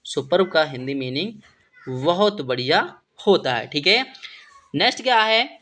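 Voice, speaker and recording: A man giving a spoken vocabulary lesson, spelling each English word letter by letter and repeating its meaning in Hindi with a steady "okay". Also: on the high side, moderate pace. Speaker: English teacher.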